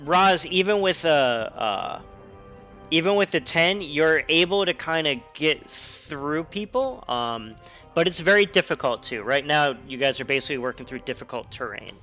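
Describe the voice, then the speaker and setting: A man narrating a tabletop game as game master, easygoing and full of fillers. His voice is bright and a bit edgy. It is heard through dull, lo-fi online call audio. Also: a little high, expressive, moderate pace, soft background music. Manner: casual, full of ums and likes. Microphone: online call mic.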